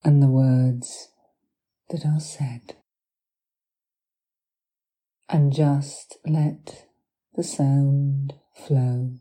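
Female hypnotherapist for guided relaxation: deeply mellow, soft and breathy, half-whispered, very unhurried and soothing. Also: steady tone. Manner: soothing, deliberate, long pauses between short phrases.

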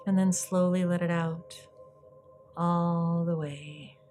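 A woman with a low voice leads a guided meditation over music. Her delivery is soft, breathy and soothing, moving very slowly and leaving long pauses between phrases. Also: steady tone. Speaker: guided meditation podcast host.

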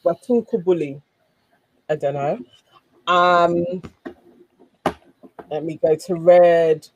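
A woman's voice: lowish voice, little pitch movement, drawn-out words, slight background noise, rough recording. A woman hosting a panel show, chatting casually and reading out viewer comments.

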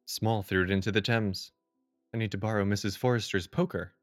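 An actor playing an earnest, gentlemanly Victorian doctor in a period mystery audio drama. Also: male voice, fairly low pitch, steady tone, brisk, no room sound, clean studio sound, faint music behind, close to an everyday voice. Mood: reassuring.

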